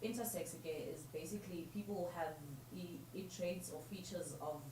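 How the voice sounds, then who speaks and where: A young South African woman with a Xhosa accent is a guest on a radio show, explaining things patiently and slipping between English and Xhosa. Her voice sits a little low. She is picked up from a distance in a roomy space with steady background noise. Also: moderate pace. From South Africa, Eastern Cape. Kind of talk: radio interview. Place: radio studio. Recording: echoey room, off-mic, noisy ambience.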